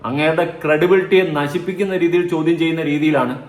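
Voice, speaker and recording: A man's voice: on the high side, fairly even intonation, quick pace, echoey room. A man giving indignant, insistent opinion commentary on his vlog, repeating his points. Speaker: vlogger commentator.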